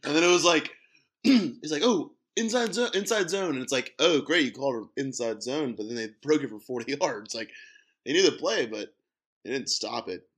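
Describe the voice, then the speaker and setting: A man's voice: mid-range voice, normal speed. A man co-hosting a casual sports podcast, getting fired up and ranting. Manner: animated, gets fired up and rants. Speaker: podcast co-host.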